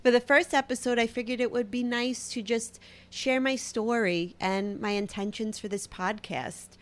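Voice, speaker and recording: A woman's voice: fairly high pitch, fairly even intonation, normal speed. A woman in her thirties with a Brooklyn accent, hosting a solo podcast in a chatty, self-deprecating way. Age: 30s. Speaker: podcast host. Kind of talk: casual solo podcast talk.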